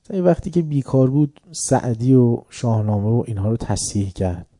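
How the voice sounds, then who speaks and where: A man telling a historical anecdote in a lively religious talk, chuckling now and then. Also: medium pitch, dry recording, clean studio sound.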